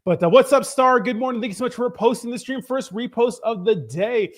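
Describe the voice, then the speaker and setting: A male live stream host with a notably high voice that sounds a little hoarse. He chats casually and upbeat, mixing market news with slangy, informal greetings to his viewers. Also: a little fast. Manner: upbeat, informal hype with slangy shout-outs. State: slightly hoarse voice.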